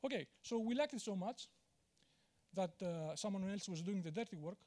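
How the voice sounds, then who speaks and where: A man speaks from a big auditorium stage into a handheld mic. His voice sits high, and he talks candidly, poking fun at himself. He stops often on "uh" and restarts his sentences. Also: expressive, moderate pace, a little mellow. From Greece. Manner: candid, self-deprecating, many "uh" fillers and restarts. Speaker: conference speaker. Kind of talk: conference talk.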